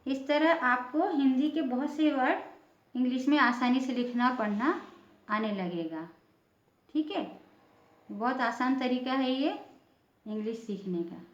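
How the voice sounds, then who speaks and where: A woman's voice: high-pitched, measured pace, long pauses, echoey room, lo-fi sound. A woman teacher giving a patient lesson, spelling words out letter by letter.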